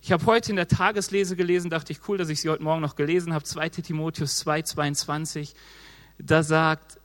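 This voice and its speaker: A man preaching a casual, lively sermon, acting out excuses in quick quoted voices. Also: a little high. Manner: moves around while preaching.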